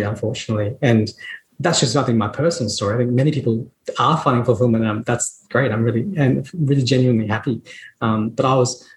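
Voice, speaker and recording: A man's voice: mid-range voice, roomy sound, poor audio. A man in his thirties, a dentist telling his story as a podcast guest, earnest and reflective, with frequent restarts and laughs. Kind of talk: conversational storytelling.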